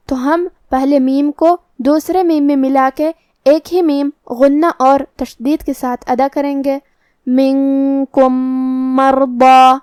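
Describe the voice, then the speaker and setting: Female Quran tutor, Pakistani Urdu accent, high clear voice, dry close sound, patient, methodical rule-by-rule explanation. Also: darkish tone, dry recording. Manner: explains each rule methodically, then recites the word slowly. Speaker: Quran recitation teacher. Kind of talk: step-by-step tajweed lesson.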